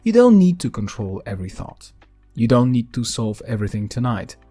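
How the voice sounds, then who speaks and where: Calm, gentle man guiding a grounding exercise. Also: medium pitch, breathy edge, soft background music. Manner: calm, gentle, unhurried delivery with deliberate pauses. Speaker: podcast host. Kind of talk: calm guided grounding exercise, scripted narration.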